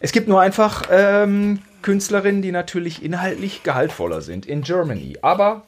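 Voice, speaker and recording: A man's voice: high-pitched, lively intonation, normal speed, a little hiss or hum. A man co-hosting a podcast in casual chat, talking in a rambling, tongue-in-cheek way. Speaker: podcast co-host.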